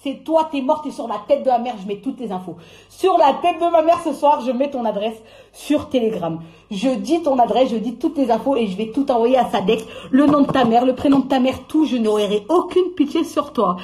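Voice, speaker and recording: A young woman's high voice rants angrily into a phone during a live stream. She swears freely and jumps from loud outbursts to low, grumbling asides. Her heated talk barrels on without pause. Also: expressive. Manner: angry, swearing, swings between shouting and muttering.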